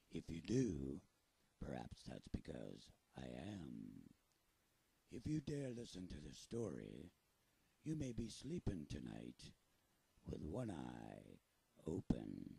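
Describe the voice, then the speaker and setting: A gravelly, very deep pirate sailor spins his sea tale, as a man puts him on. The voice is dark and husky, drawn out slowly, and rises and falls with theatrical swings. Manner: drawling, theatrical pirate speech with chuckles. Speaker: storyteller. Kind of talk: storytelling in a pirate voice.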